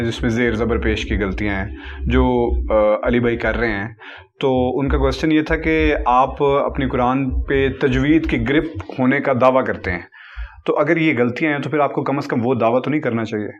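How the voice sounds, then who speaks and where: A man interviewing, asking questions attentively and politely. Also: mid-range voice. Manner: attentive, frequent short acknowledgements. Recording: slightly dull lo-fi sound.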